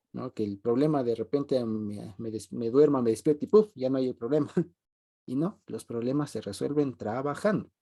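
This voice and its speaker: A man leads a relaxed group Bible study in a mellow, dark-toned voice. He talks conversationally, circles back to repeat his main points, and often breaks into a brief chuckle. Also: medium pitch. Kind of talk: informal group Bible teaching.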